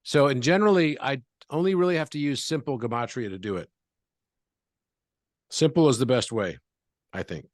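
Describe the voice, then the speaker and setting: This interview guest, a man with a mid-pitched voice, speaks at a normal speed and pauses often as he patiently and calmly walks through examples one at a time. There's no room echo; the sound is dry.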